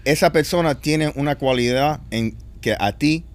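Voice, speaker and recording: A man's voice: on the high side, moderate pace. A man in a casual group chat, explaining his point and getting a bit defensive.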